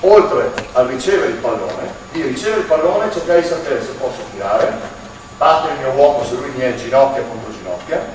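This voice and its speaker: A man running an on-court basketball clinic in a large indoor gym, explaining at length and shouting to urge the players on. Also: medium pitch, lively intonation, brisk. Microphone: far camera in the stands. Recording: echoey gym from far off, faint noise.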